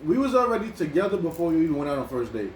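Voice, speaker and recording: A man from New York chats over food in casual slang, doubling back on his own words as he goes. His voice sits a little high, and the room gives it a clear echo. A faint hum of ambience stays under everything. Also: sing-song, very fast. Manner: loose, slangy storytelling with many restarts. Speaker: mukbang co-host. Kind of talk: casual chat while eating.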